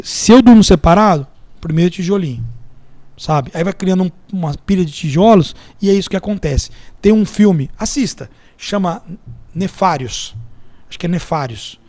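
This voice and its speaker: On a podcast, a Brazilian man who works as an entrepreneur and mentor shares anecdotes and parables, performing the quotes himself. He speaks with a Brazilian Portuguese accent at a moderate pace, in a high, animated, darkish voice. The audio is dry.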